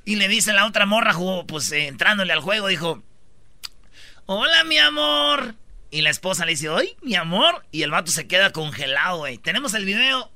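Mexican male host, casual countdown chat, high bright voice, jokey slang. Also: animated, quick pace, few pauses, no echo. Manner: joking, slangy storytelling.

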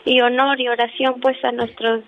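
A woman's voice: a little high, level tone, moderate pace. A woman calling in to a radio show, telling a personal story in an earnest, devout way with many fillers. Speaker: caller. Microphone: phone. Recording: tinny dry phone line with faint music.

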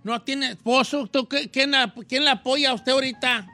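Very high, bright-voiced male radio host. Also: steady tone, moderate pace, faint music behind. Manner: playful, slangy, mock-dramatic. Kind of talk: comedic radio banter.

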